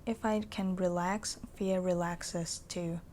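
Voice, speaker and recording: A woman voicing a caring girlfriend in an ASMR role-play, soft breathy pillow talk, as if reading her partner to sleep. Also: lowish voice, steady tone, very slow, slight background noise. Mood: soothing, tender.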